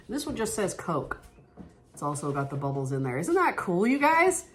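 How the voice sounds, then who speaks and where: A woman hosting a casual food review vlog, chatty and excitable, talking straight to her viewers. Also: lowish voice, normal speed. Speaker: vlog host.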